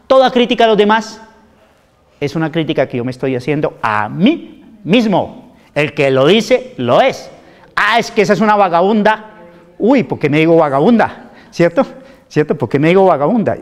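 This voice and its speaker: Animated man in a reverberant hall. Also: high-pitched. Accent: Colombian Spanish. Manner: animated, rhetorical questions with repeated "¿cierto?". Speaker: health talk speaker. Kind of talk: informal health talk to a group.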